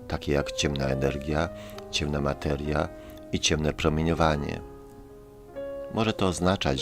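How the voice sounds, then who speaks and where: A man with a very deep, low voice reads a scripted science narration. His delivery is calm and measured, laying out each point steadily. Music plays clearly underneath the voice-over. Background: background music.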